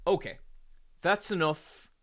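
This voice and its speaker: Chatting casually with his live-stream viewers, a man in his forties jokes and rambles, dropping plenty of ums. His voice is on the high side and fairly bright, and he speaks slowly.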